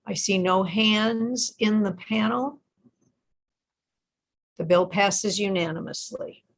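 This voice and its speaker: A woman's voice: mid-range voice, slow pace. An American woman chairing a committee, formally calling for ayes and noes votes in procedural meeting talk.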